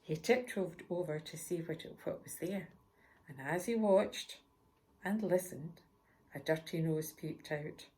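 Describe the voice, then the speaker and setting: A woman, the author, reading her picture book aloud to children, expressive and chatty with asides to her listeners. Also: sits low, unhurried. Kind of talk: children's storybook read-aloud.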